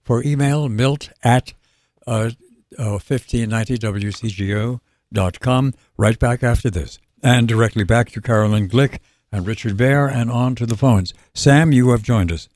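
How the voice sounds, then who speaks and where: Male radio host, New York accent, wry, clears throat, dry mic. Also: medium pitch, normal speed, a little mellow, no room sound. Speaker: radio talk show host. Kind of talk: talk radio hosting.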